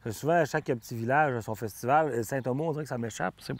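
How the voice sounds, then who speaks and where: A man's voice: medium pitch, rapid-fire. A man with a Quebec French accent co-hosting a comedy show outdoors, cracking goofy jokes with locals. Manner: goofy wisecracks. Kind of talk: joking field interview.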